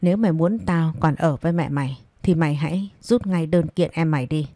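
A woman's voice: low-pitched, fairly quick, dry recording, studio quality. A woman doing an angry domineering father. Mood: harsh. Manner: harsh, shouting.

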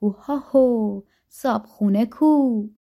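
Woman putting on a slow, bossy ugly div demon. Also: fairly high pitch, dark tone, natural voice. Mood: demanding. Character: ugly hungry male div demon, gruff and demanding.

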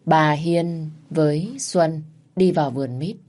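A woman narrating a dramatic family story in a steady, measured way. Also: low-pitched.

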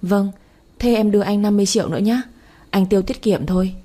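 A woman voicing a gentle, trusting young wife who speaks softly and pleadingly. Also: medium pitch, fairly even intonation, fast talker, lightly acted. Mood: tender.

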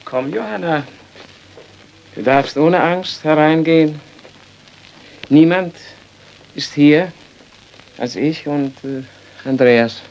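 A man's voice: a little high, takes it slowly, gravelly, long pauses, a little mellow, slight background noise. An actor playing a guilt-haunted male doctor, intense and brooding, in 1930s radio-drama acting. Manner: intense, brooding, rising to outbursts. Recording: dull 1930s radio recording.

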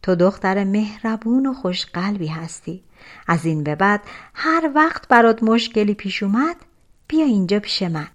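A woman voicing a kind mother in a fairy tale who praises a girl and gives her gentle instructions. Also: mid-range voice, lively intonation, close to an everyday voice. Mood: kindly.

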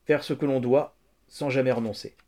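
A man reading the lines of a kindly older man who gently counsels a grieving child in a storybook reading. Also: mid-range voice, steady tone, normal speed, natural voice. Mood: earnest. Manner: earnest, soothing counsel.

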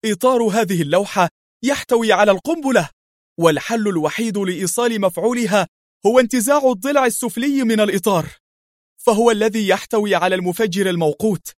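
A man voicing a panicked male enemy impostor agent who shouts frantically. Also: high voice, brisk, no echo, clean studio sound, natural voice. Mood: frantic.

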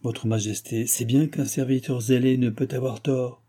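A man's voice: medium pitch, steady tone, moderate pace, mellow, close to an everyday voice. A man voicing a zealous court minister in an audiobook, speaking firmly and insistently. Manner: firm, insistent. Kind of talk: audiobook reading.

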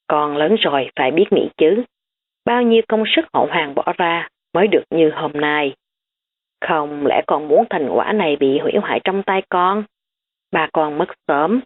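Firm lecturing grandmother over 60 voiced by a woman, low voice, narrow lo-fi sound. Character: stern elderly grandmother, family matriarch. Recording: tinny phone-like recording.

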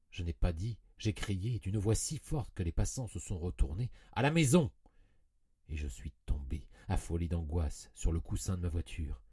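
Guy reading a story all intense and tormented, really dark low voice, kinda husky. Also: no echo. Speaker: audiobook reader. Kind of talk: dramatic literary reading.

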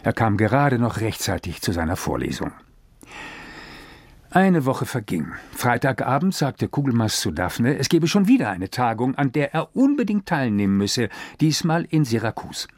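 A man narrating a literary story with a husky, breathy voice and a very lively pitch. He reads into a close mic with a dry, unechoing sound. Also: moderate pace, no echo. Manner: expressive storytelling. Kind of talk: literary reading.

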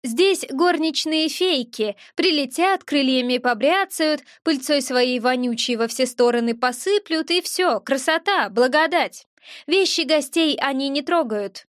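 A woman's voice: sits high, animated, unhurried, dry recording, clean studio sound. Woman voicing a cheeky, grumbling little sprite. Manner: rude, rustic slangy grumbling. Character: grumpy little eared winged male sprite.

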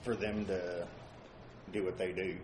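A man's voice: low voice, level tone, measured pace, noisy background. A man co-hosting a casual paranormal talk show, giving blunt, opinionated takes on ghost-hunting gear. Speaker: paranormal investigator co-host. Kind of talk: casual chat. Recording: echoey room.

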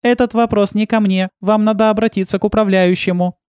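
A courteous female robot guide with even, helpful speech, as a reader puts her on. The voice is raised well above the reader's own. The recording is close and dry. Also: medium pitch, brisk, smooth, no room sound, pitched above the performer's own voice, natural voice. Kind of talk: audiobook role-play.

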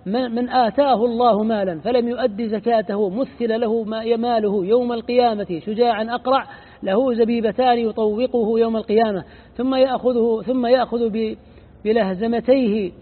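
A man reading a classical religious commentary aloud at speed, often stumbling and repeating words. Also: extremely high pitch. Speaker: student reading the text aloud. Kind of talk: fast recitation of a classical commentary. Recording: tinny phone-like lo-fi audio.

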